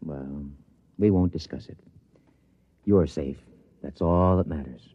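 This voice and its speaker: A man's voice: a bass voice, slow pace, husky, highs cut off, exaggerated voice. A middle-aged actor playing a grave, firm professor and father in a 1950s radio drama, controlled in manner. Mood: concerned, restrained.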